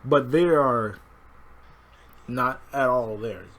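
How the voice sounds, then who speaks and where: A man's voice: medium pitch, takes it slowly, fairly bright tone. Rambling young man in casual chat. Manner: rambling, many fillers, looks up pronunciations aloud.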